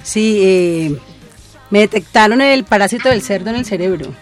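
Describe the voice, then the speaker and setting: An older Colombian woman with a Colombian accent, a radio listener telling her story in a lively, animated way. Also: mid-range voice, moderate pace, soft background music. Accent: Colombian Spanish. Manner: animated testimony. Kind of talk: casual on-air chat.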